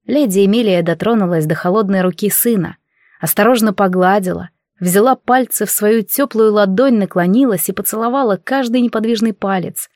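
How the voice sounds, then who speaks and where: A woman reading a novel aloud as an audiobook narrator, in an even, measured way. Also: medium pitch, dry recording, studio quality. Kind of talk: scripted narration.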